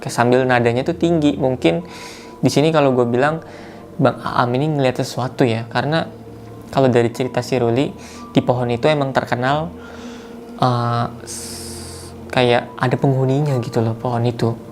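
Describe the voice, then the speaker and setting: A man tells a spooky tale in the easy tone of a chat with friends, leaning on slang fillers and correcting himself as he goes. His voice sits at a middle pitch over faint music. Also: fairly even intonation, moderate pace, pauses often. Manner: chatty, full of slang fillers and self-corrections. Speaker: horror story narrator. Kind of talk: casual storytelling.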